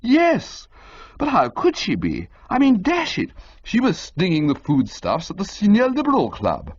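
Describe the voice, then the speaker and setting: A frantic young gentleman, put on by a woman narrator, talking high and agitated, his voice leaping all over the place. The voice is husky. It sits on a dull, lo-fi recording. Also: huge pitch swings, unhurried, no room sound, heavily acted. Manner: agitated and breathless, with exclamations. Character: flustered young man-about-town, excitable and dramatic.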